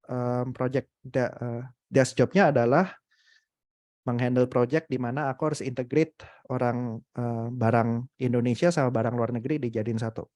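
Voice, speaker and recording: A young adult man giving a casual, motivational webinar talk, animated and full of hesitant fillers. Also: medium pitch, normal speed, dry recording. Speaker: webinar speaker.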